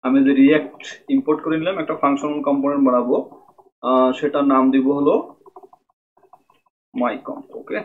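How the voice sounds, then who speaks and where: A man's voice: mid-range voice, steady tone, fairly quick, pauses often. A man giving a screen-recorded coding lesson, explaining step by step and often checking in with "okay?". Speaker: programming tutor. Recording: tinny phone-like mic with faint noise.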